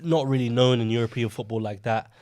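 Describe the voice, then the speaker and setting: A young man co-hosting a podcast, chatting casually about football and telling rambling, animated stories. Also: mid-range voice, fairly quick. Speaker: podcast co-host.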